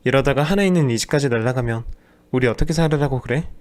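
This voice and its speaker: A man voicing a selfish, nagging young wife in a radio drama, talking in a sharp, dismissive way. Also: mid-range voice, quick pace, lightly acted. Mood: scolding.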